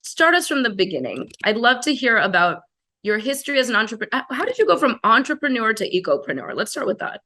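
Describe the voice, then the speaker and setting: Host, woman, higher bright voice, upbeat intro read. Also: big pitch swings, quick pace.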